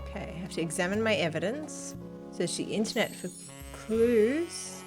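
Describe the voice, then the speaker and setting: A woman's voice: mid-range voice, very animated, moderate pace, over music. A woman hosting a casual let's-play, chatting in a self-deprecating way and reading game text aloud. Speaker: gaming channel host.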